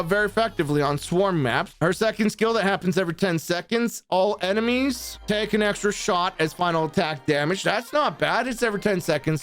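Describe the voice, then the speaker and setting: A young man with a notably high-pitched voice talks through a game tier list in a casual, blunt way. He reads out skill descriptions and reacts to them, swearing now and then, with faint music playing underneath. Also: fairly bright tone. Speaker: gaming YouTuber ranking characters.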